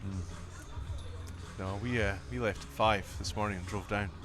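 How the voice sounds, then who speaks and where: A man's voice: lowish voice, steady tone, moderate pace, a bit bright, faint music behind. A man chatting easily as a co-commentator on a livestream. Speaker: stream co-commentator. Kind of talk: casual banter commentary.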